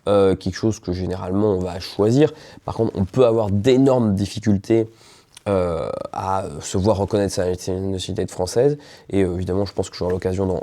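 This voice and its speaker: A man explains legal rules to camera, pausing on fillers and small asides. His voice sits low and sounds warm and relaxed. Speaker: immigration lawyer. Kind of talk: explanatory video talk.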